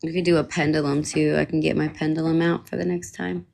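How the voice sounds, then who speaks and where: A woman's voice: deep voice, level tone, fast talker, gravelly, darkish tone. A woman guest giving spiritual advice on a live stream, speaking in a matter-of-fact, instructive way.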